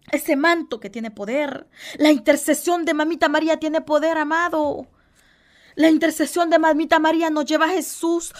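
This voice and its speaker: A woman delivers a radio sermon in a high, bright register. Her preaching is fervent and pleading, full of repeated exclamations of devotion.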